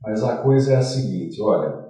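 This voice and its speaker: A man's voice: fairly low pitch, animated, moderate pace, warm tone, very echoey, recorded from a distance, poor audio. A man hosting a studio talk show, theatrical and jokey, jumping from topic to topic. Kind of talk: lively studio interview.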